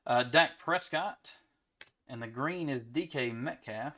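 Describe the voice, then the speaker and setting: Host, man, young adult, mid-pitched, relaxed chatter while opening card packs on a home stream. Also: slow. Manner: easygoing, rattles off player names between chat.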